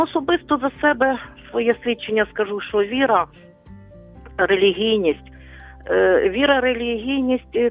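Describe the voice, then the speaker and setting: A woman calling in to a religious radio show, speaking earnestly and devoutly, at times rambling. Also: a little high. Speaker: radio caller. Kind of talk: phone call-in testimony. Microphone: phone. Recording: tinny phone line, faint music.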